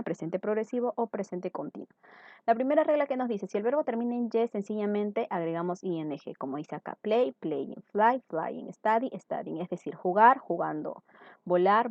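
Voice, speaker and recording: A woman's voice: medium pitch, a little mellow, no room sound. A woman English teacher giving a recorded grammar lesson, patient and repetitive, often checking that her students follow. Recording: dull, dry lo-fi recording.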